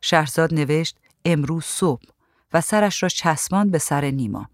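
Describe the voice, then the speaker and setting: A woman reading a story aloud in a calm, even voice. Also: sits low, no echo, studio quality. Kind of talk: storybook narration.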